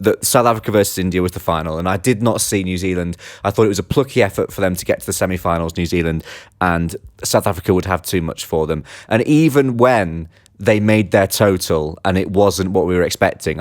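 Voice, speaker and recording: Male podcast co-host, very low voice, dry close sound, chatty and teasing. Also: a little fast, few pauses, dry recording. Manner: teasing, chatty, lots of fillers. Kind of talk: casual cricket chat.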